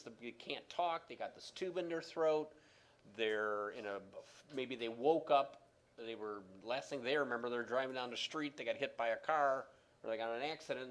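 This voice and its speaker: A man giving a classroom lecture on respiratory therapy, rambling with many fillers and restarts, loud and quiet by turns, trailing off at the ends of sentences. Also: mid-range voice.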